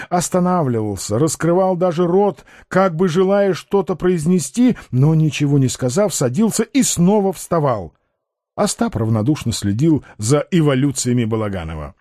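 A male audiobook narrator with a measured, expressive reading style. His pitch moves with lively variation over a mellow, warm tone. The recording is dry and close, with no room echo.

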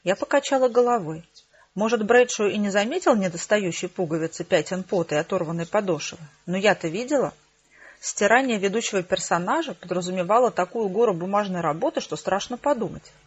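A woman with a husky voice narrating a first-person audiobook in a dry, wry manner. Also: medium pitch, expressive, fairly quick. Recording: slightly dull lo-fi recording.

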